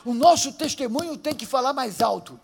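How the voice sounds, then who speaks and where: A man with a Brazilian Portuguese accent preaching a sermon, swinging from fervent shouting to quiet teaching and acting out Bible stories. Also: extremely high pitch, lively intonation, moderate pace, gravelly, husky.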